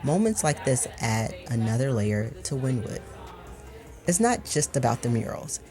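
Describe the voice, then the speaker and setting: A measured, even-paced narrator reads a scripted travel voice-over at a middling pitch. Soft background music runs underneath the voice. The delivery is calm and steady. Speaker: vlog narrator.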